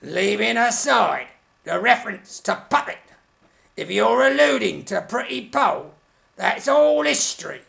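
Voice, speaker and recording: A performer voicing a vain, touchy male puppet stage actor, hammy, pompous and theatrical, with a creaky, sharp voice in a comic mock interview. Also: medium pitch, animated, unhurried, exaggerated voice. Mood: pompous, defensive.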